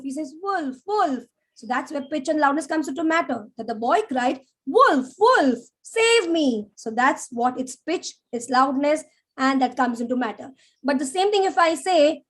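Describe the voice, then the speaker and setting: A woman teaching a live public speaking class, animated and demonstrative, often checking in with "yeah?". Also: sits high. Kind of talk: live online class lecture.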